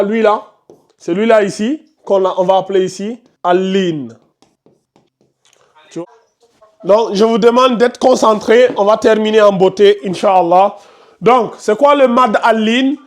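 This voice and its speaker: Guy teaching quran recitation to a class, high voice, repeats stuff a lot, tells the kids to shut up. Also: measured pace. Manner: firm, scolds chatty students and asks the class questions; explains patiently with many repetitions. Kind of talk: classroom tajwid lesson.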